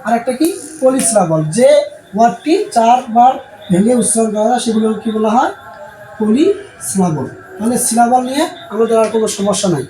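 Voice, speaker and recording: A man's voice: very high voice, fast, warm tone. Man teaching a lesson in a roomy space. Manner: repetitive, asks and answers own questions. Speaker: English teacher. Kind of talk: classroom lesson. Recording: roomy sound with faint background noise.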